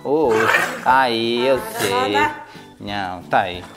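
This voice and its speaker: A woman's voice: extremely low pitch, drawn-out words, over loud music. A Brazilian woman soothing and coaxing her nervous dog through a bath, with sighs and exclamations. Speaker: pet owner vlogger. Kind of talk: casual talk while bathing a dog.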